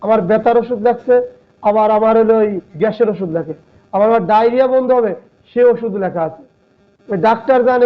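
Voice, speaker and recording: A man teaching a casual online law class, explaining in plain colloquial talk and acting out everyday examples. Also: high-pitched. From Bangladesh. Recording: tinny phone-line sound.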